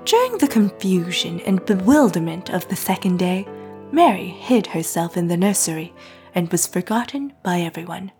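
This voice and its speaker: A woman narrating a classic novel in a soft, hushed reading voice. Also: fairly low pitch, big pitch swings, moderate pace, faint music behind. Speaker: audiobook narrator.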